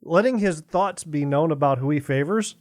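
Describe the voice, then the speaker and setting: Dry-witted male podcast co-host, slightly high voice, teasing, close dry sound. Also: moderate pace, no echo. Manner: wry, teasing, dry jokes. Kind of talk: casual sports chat.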